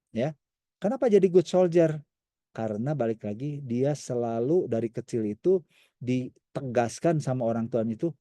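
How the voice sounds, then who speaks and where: A man's voice: mid-range voice, mellow, no echo. A man giving a conversational teaching talk to a church women's fellowship as a counselor, often acting out quoted voices. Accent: Indonesian.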